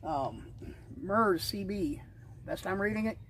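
An American man talks casually to his viewers in a folksy, slangy way. His voice sits a little high for a man. Faint outdoor noise sits behind his plain-spoken explanations. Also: animated, slow pace, a bit bright. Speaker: vlog host and ham radio hobbyist.

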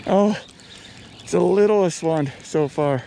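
A man's voice: high-pitched, slow pace, vocal fry, mellow, a little hiss or hum. Upbeat man narrating his fishing trip. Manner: upbeat, repeats words while landing fish. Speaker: fly fishing vlogger. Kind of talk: casual running commentary. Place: outdoors on a lake in a small boat.

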